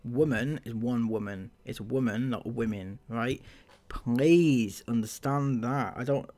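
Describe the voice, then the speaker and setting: A mid-range, slightly mellow male voice belongs to a commentary channel host who reads out viewer comments just to mock them. He's sarcastic, laughs frequently, and speaks in a drawn-out way.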